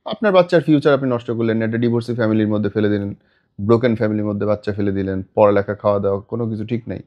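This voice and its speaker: Fast-talking blunt male advice-show host. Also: on the low side, highs cut off. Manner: blunt, scolding, sarcastic interjections. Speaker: radio-style show host.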